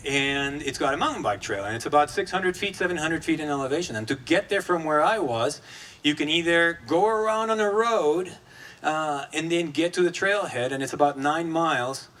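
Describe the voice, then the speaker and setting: A man's voice: on the high side, expressive, normal speed, fairly bright tone. Casual conference speaker, a man. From Guatemala. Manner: casual, conversational speaker with fillers and restarts. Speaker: executive director of an advocacy group. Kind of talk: conference keynote speech. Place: conference stage.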